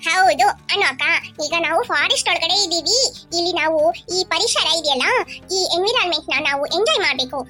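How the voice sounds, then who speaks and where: Squeaky upbeat cartoon girl, super encouraging, done by a voice actor, fast, music behind. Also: expressive, pushed and bright, exaggerated voice. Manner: encouraging, chirpy. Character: upbeat girl cheering up her sisters. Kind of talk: cartoon voice acting.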